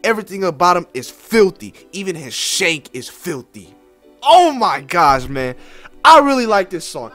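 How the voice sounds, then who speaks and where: Excitable young American man, high voice. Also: normal speed. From United States. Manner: excitable, exclaims and breaks down lyrics. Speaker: reaction video host. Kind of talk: reacting to a music video. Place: small indoor room at a desk. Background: faint music from the video he plays.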